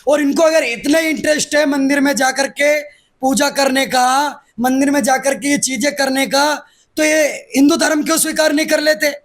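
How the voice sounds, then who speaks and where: Very high-voiced, combative man. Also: steady tone, moderate pace, fairly bright tone. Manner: aggressive, defiant, threatening. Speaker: interviewee, activist. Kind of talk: heated political interview.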